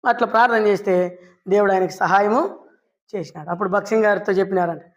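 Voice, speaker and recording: A woman preacher giving a storytelling sermon, lively and full of questions she answers herself. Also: medium pitch, fast, dull audio. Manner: lively, asks and answers her own questions; acts out quoted people in short voices.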